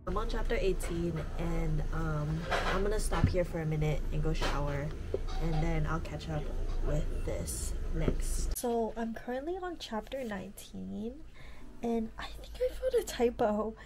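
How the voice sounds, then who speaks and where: A young woman in her late teens, stuffy-nosed from allergies, chats easily in her bedroom about a book she's reading for her reading vlog, peppering it with "like" and "um." Her voice is fairly low, expressive and a little slow, and the close-range camera recording is very noisy.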